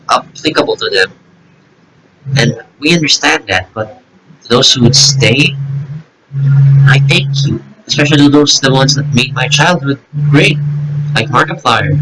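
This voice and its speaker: A man's voice: medium pitch, unhurried, pauses often, noisy background. A young man around twenty chatting alone to his camera, rambling and joking at his own expense, swearing freely. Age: 20s. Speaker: YouTuber reacting to videos. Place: alone in a room.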